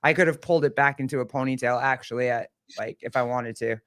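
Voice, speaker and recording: A woman in casual podcast chat, chiming in with wry, deadpan remarks. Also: extremely low pitch, fast talker, no echo, clean studio sound.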